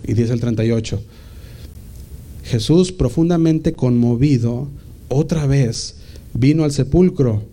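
A man delivers a sermon in a deep, very dark and mellow voice of middling pitch. He reads scripture with rising emphasis, then talks freely with casual restarts. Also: a little slow, long pauses. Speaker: preacher. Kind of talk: sermon reading and explaining scripture.

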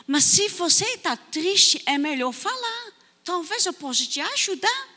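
A woman voicing a kind, caring schoolteacher who speaks gently and coaxingly. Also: very high voice, sing-song, measured pace, big-room sound, voice pushed up, heavily acted. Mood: gentle, coaxing.

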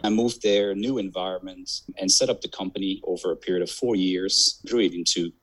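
Low husky man with a mixed Belgian accent. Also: fairly even intonation, brisk, fairly bright tone, low-quality recording. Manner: fluent, listing experience in long runs. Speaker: guest. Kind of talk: podcast interview.

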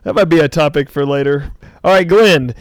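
An American man with a notably high voice hosts a quiz. His delivery is casual and bantering, like chat among friends. The sound is very dry, with no room to it. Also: brisk, dry recording. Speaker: quiz host.

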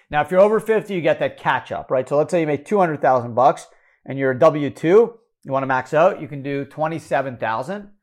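A man with a Canadian accent explaining retirement contribution limits, brisk and number-heavy, correcting himself as he goes. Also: mid-range voice. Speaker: financial educator. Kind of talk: explanatory talk.

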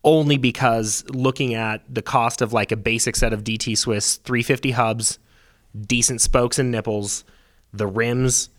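A man's voice: mid-range voice, fairly even intonation, a little slow. A man co-hosting a podcast, giving detailed, methodical explanations in casual talk. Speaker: podcast co-host.

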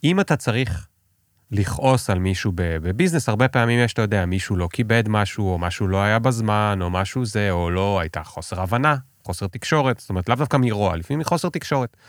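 Podcast host: Israeli-accented man, slightly deep voice, dry recording, informal chatty questioning. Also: animated, no echo. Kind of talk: casual chat with questions.

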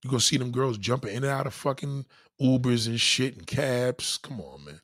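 Speaking at a moderate pace in a mid-range voice, a man from New York goes off on a casual live-stream rant. The studio-quality audio has no echo. He's blunt, profane and animated, using street talk while reading out what his viewers comment.

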